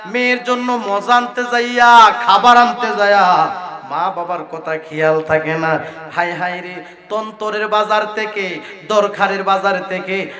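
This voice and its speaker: A man preaching an Islamic sermon, moving between melodic chanted verses and spoken talk and calling the crowd to answer back. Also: sits high. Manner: alternates melodic chanting and talk, urges crowd to respond aloud. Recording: echoey loudspeaker sound with crowd behind.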